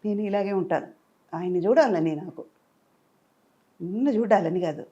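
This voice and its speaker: An older actress speaking in a casual interview, expressive and devotional, sounding tired. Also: female voice, medium pitch, normal speed, dull audio. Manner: expressive, devotional, sings softly at times.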